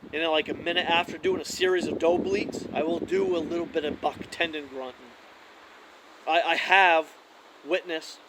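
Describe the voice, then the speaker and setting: Male, casual hunting instructor, slightly raised pitch, loose conversational delivery, light background hum. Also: low-quality recording. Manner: relaxed, conversational, with frequent "like" and restarts. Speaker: hunting call demonstrator. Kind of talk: casual how-to demonstration.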